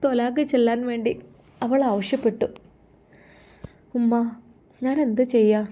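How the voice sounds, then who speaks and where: A woman's voice: on the high side, fairly even intonation, measured pace, dark tone, voice pushed up, lightly acted. A woman voicing a heartbroken young husband, sobbing and pleading with his mother. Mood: grieving.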